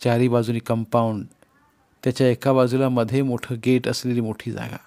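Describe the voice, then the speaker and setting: A male narrator reads a short story aloud at a measured pace. His mid-range voice stays steady and expressive through the narration. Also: medium pitch, gravelly. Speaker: audiobook narrator.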